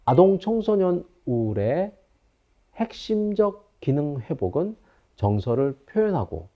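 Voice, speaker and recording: A man's voice: on the high side, very animated, unhurried, lo-fi sound. A man in his fifties, a psychology professor, giving a recorded lecture and telling anecdotes in a storytelling manner.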